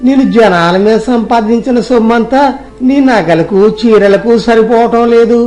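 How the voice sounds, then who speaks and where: A man voicing a greedy, quarrelsome moneylender who scolds his wife in a slow, drawn-out way. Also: very high voice, a little mellow, soft background music, pitched above the performer's own voice. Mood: scolding.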